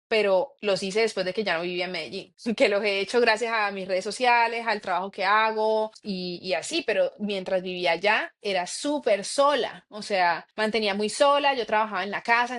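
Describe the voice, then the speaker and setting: A woman's voice: medium pitch, a bit bright. Chatty young woman from San Andrés. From San Andrés island, Colombia. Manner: chatty, lots of fillers like "o sea" and "como". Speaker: interview guest, expedition guide. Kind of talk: casual storytelling in an interview.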